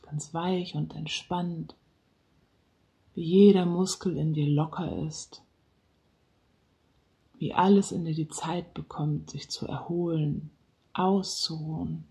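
A relaxation guide speaking softly and slowly, sometimes dropping into a whisper, leading a guided relaxation. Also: medium pitch, little pitch movement, creaky, poor audio. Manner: slow, soft-spoken, partly whispered.

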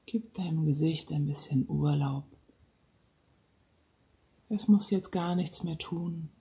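A relaxation guide speaking softly and slowly, sometimes dropping into a whisper, leading a guided relaxation. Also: medium pitch. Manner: slow, soft-spoken, partly whispered.

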